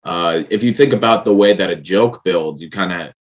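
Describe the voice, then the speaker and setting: A man with a very low voice talks as a guest in a casual interview. He explains his writing earnestly and at length, often restarting his sentences. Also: normal speed, lo-fi sound. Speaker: writer and director, guest.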